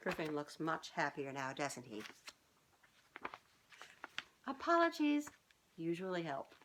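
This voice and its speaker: A woman in her fifties with a low voice reads a children's storybook slowly against a noisy background. Her reading is expressive and informal, and she often breaks away to comment to young listeners. She's on a living room sofa indoors, filmed by a camera placed a short distance off.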